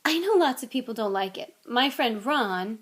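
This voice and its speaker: Nervous, polite young boy wizard, hushed and careful, brisk lines, storybook reading by a woman. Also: fairly high pitch, animated. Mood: modest.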